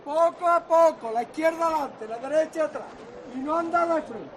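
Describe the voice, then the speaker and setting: A man calling out short orders to a team of float bearers in the street. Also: moderate pace. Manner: calling out orders at a high strained pitch. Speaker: foreman directing float bearers. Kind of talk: shouted commands. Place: outdoor city street during a procession. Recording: distant shouting in a noisy street.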